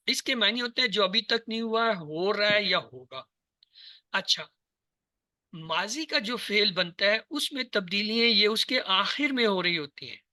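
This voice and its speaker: A man teaching a language lesson to an online class over a video call, drilling word forms one by one in steady repetition. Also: sits high, no echo, clean studio sound. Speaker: Arabic teacher.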